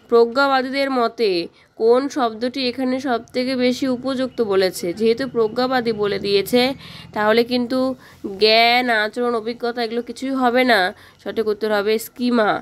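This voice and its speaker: A woman's voice: on the high side, fairly even intonation, moderate pace. A woman teacher, reading exam questions and options aloud, then explaining each answer and often checking in with the students. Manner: reads questions then explains answers, repeats "ঠিক আছে?". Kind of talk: exam practice lesson.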